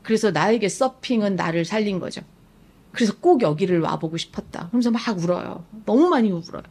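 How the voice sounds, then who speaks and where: A woman's voice: mid-range voice, expressive, a little fast, darkish tone, breathy edge. Woman coach telling a moving story. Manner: retells a TV scene vividly, acting out quoted lines; emotionally engaged, admits crying at the scene. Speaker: psychological coach. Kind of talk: live-stream storytelling talk.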